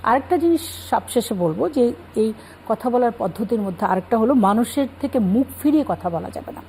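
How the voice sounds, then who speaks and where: Woman guest scholar, calm explanatory delivery, relaxed tone, light background hiss. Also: a little high, fairly quick, low-quality recording. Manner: calm explanatory, cites scripture. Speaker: religious guest speaker. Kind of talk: Islamic talk show explanation.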